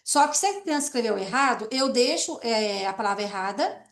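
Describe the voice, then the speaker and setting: A woman's voice: on the high side, expressive, fairly quick, echoey room. A woman teaching an online class, explaining step by step and often checking in with her listeners.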